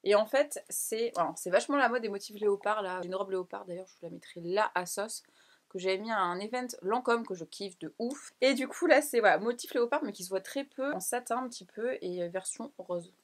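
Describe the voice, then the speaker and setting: A young woman from France, chatting excitedly and casually through a fashion haul vlog, with frequent laughs and quick asides. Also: mid-range voice. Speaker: fashion vlogger.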